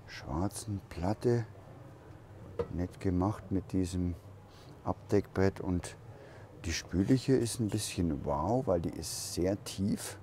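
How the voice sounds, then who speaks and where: Inside a camper van at a trade fair hall, a man leads a relaxed, unhurried walkaround tour, thinking aloud as he moves. His voice sits low, with a little hiss or hum in the recording.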